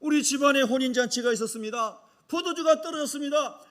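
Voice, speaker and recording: A man's voice: extremely high pitch, fast talker, fairly bright tone. A man preaching as a humble, hot-tempered Galilean fisherman apostle, making an earnest first-person confession. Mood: grateful.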